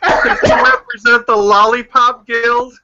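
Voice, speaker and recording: A man putting on a high chipmunk voice, like someone on helium, to tease a guest on a casual livestream. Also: steady tone, measured pace, sharp tone, muffled recording, a little hiss or hum, exaggerated voice. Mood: teasing. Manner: teasing, jokey. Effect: chipmunk voice, sped-up high pitch.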